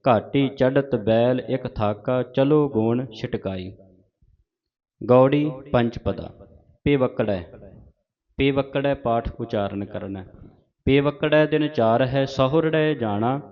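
Slow, measured Punjabi man reciting. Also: mid-range voice. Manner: recites verses line by line, pausing to correct pronunciation. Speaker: scripture recitation teacher. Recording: dull lo-fi recording.

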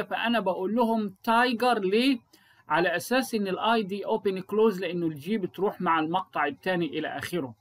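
A man's voice: sits high, a bit bright. A middle-aged man with an Egyptian Arabic accent, explaining a phonics lesson to teachers and answering his own rhetorical questions. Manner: asks rhetorical questions and answers them himself. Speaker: English teacher.

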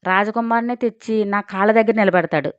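A woman voicing a spirited young female college student who talks back in a sharp, reproachful way. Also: mid-range voice, a little fast, no room sound, close to an everyday voice. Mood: indignant. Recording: dry, slightly dull recording.

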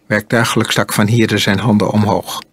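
Husky-voiced man reading an audiobook. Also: lowish voice, no echo. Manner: calm, measured storytelling. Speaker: audiobook narrator.

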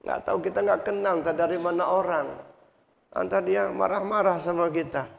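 A man's voice: sits high, fairly quick, gravelly. A man preaching at a mosque study session who keeps repeating his points and putting rhetorical questions to the congregation. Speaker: Islamic preacher. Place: mosque hall. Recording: reverberant hall, dull lo-fi sound.

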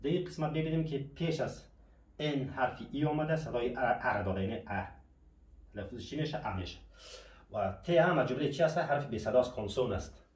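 A man's voice: mid-range voice, lively intonation, a little mellow. A man teaching a language lesson, patiently asking questions and answering them himself. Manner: patient, asks and answers his own questions. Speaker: French teacher. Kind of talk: classroom lesson explanation. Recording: echoey room, mic at a distance.

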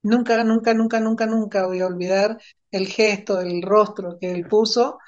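A woman giving an emotional personal testimony, telling it in an animated way and repeating phrases for emphasis. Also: medium pitch, normal speed, dull audio. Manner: animated storytelling with emphatic repetition.

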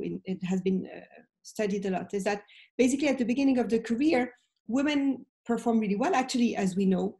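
Speaking from a room in her home, a late-forties professor from France answers interview questions conversationally on a video call, recorded through a computer microphone. Her French-accented voice is mid-range and mellow.

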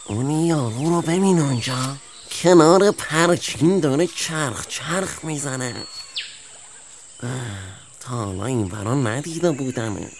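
An actor playing a cunning male fox in an animated cartoon, talking fast and cheekily in mocking banter and rhyming boasts. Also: mid-range voice, slight background noise, natural voice. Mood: cheeky.

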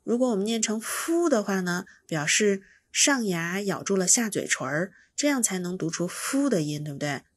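A woman's voice: mid-range voice, lively intonation, moderate pace, few pauses, slightly rough. A woman teaching pronunciation, patiently explaining each sound and demonstrating it by repeating it. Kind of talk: slow instructional explanation.

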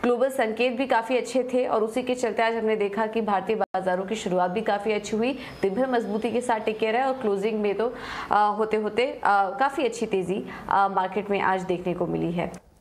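A woman's voice: medium pitch, fairly even intonation, brisk, a little hiss or hum. A woman in a TV studio giving a live stock market report, fluent but with frequent "uh" fillers. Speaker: markets correspondent. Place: TV news studio.

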